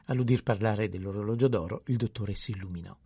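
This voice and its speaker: Narrator, male: dark, gravelly tone, close and dry. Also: fairly low pitch, fast, dry recording. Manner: calm, even narration. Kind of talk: scripted narration.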